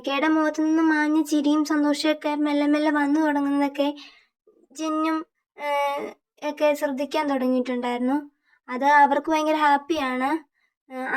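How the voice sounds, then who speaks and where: A woman retelling a fan fiction story off the cuff, hesitant and full of filler sounds. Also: high-pitched.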